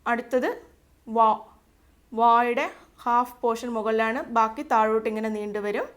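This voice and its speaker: A woman's voice: a little high, level tone, unhurried. A woman with a Malayali accent teaching the Arabic alphabet step by step, patiently repeating each letter sound. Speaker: Arabic tutor.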